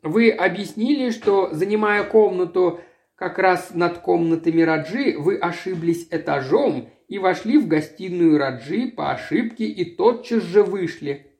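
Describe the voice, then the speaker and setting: Smooth, soft-spoken investigator, read by a male narrator. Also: sits high, a little slow. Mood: calm. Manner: soft, conciliatory. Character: calm, smooth middle-aged male investigator.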